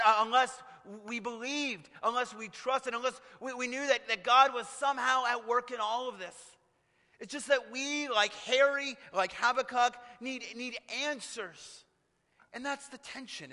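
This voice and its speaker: A man's voice: very high voice, sharp tone. A man preaching a sermon in an earnest manner, often asking the listeners rhetorical tag questions. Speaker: pastor. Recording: long hall reverb.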